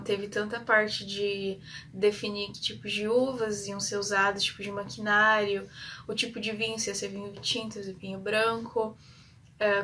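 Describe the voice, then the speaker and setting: Young Brazilian woman, flat rambling chat. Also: medium pitch, recorded from a distance, slight background noise. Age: young adult. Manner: chatty, rambling with many fillers and English terms; shy by her own account. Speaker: exchange student vlogger. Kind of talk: casual vlog storytelling.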